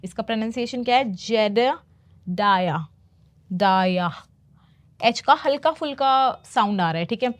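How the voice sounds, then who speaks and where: A woman teaching English, patiently explaining movie phrases and repeating them slowly. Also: fairly high pitch, expressive. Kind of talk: explaining movie lines in a lesson.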